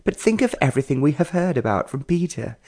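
Brief: male narrator voicing a curious, outspoken young woman artist, raised pitch, warm tone. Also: very animated, fast talker. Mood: eager. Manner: eager, direct questioning. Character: eager, curious, blunt young woman painter.

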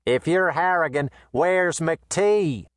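A man puts on a brash, boastful western saloon owner with a rough folksy drawl. The voice sits high and loud, full of swaggering threats. The recording is dry and close. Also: slow, no echo.

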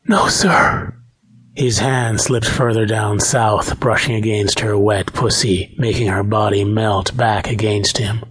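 Low, husky male audiobook narrator. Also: fairly even intonation, a little slow, few pauses. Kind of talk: scripted narration.

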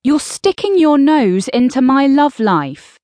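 A woman's voice: sits high, big pitch swings, slow, a little mellow, dry recording, pitched above the performer's own voice, exaggerated voice. A woman narrator voicing the flustered, defensive young private investigator at the center of the story. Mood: indignant. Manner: defensive and indignant.

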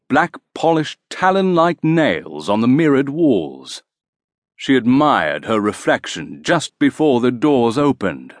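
A man narrating a children's audiobook in an expressive storytelling manner. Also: mid-range voice, no echo, clean studio sound. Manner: slow, expressive.

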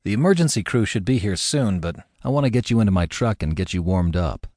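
A male narrator voicing a big, steady firefighter who talks calmly and firmly to reassure someone. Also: lowish voice, brisk, no echo, clean studio sound. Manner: calm, firm, reassuring.

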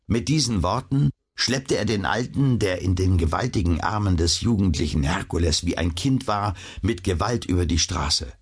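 A man's voice: low voice, lively intonation, moderate pace, few pauses, slightly rough. A man narrating a classic adventure story as an audiobook, in a dramatic storytelling manner. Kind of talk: scripted narration.

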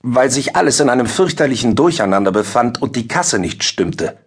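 A man voicing a two-faced court clerk who feigns concern while quietly gloating. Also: mid-range voice, big pitch swings, normal speed, slightly rough. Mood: self-important. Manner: mock-concerned, needling.

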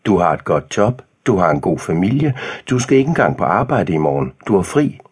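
A man narrating an audiobook in a measured, calm way. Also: low voice, slightly rough.

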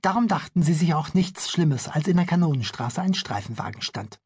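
A man reading a children's audiobook aloud in a playful, expressive way. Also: a little high, moderate pace, husky. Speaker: audiobook narrator.

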